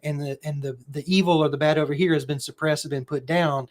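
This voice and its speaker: A man's voice: fairly high pitch, fairly even intonation, fast talker. A man co-hosting a podcast, explaining things at length in a casual way and often checking in with "right?" and "you know". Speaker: podcast co-host. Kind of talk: casual conversational discussion.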